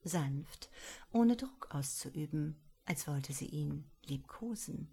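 A woman reading a story aloud as scripted audiobook narration, soft and measured. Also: sits low, expressive, vocal fry, husky. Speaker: audiobook reader.

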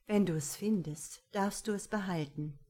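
A woman voicing a gentle, teasing man courting a young woman, speaking low and murmuring in an audiobook. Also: normal speed, natural voice. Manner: soft, low, murmuring delivery. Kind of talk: audiobook character reading.

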